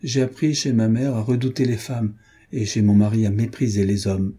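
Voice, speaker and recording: Impassioned young duchess, theatrical and indignant, read by a man, dark husky tone. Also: on the low side, flat delivery, normal speed. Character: passionate young woman, a duchess of the ballroom. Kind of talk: audiobook character reading.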